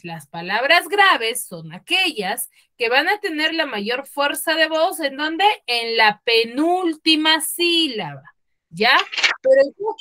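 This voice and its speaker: A woman teacher with a Peruvian Spanish accent runs an online class over a video call. She speaks slowly and patiently in a high, bright voice. She keeps asking the class questions to check they follow.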